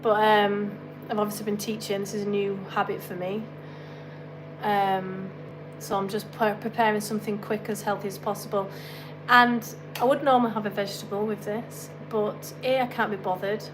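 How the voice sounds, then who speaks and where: Speaking at a moderate pace with a level tone and medium pitch, this fitness coach with an English accent hosts a casual live question-and-answer stream from her kitchen at home. There's background noise as she rambles chattily and makes asides while cooking.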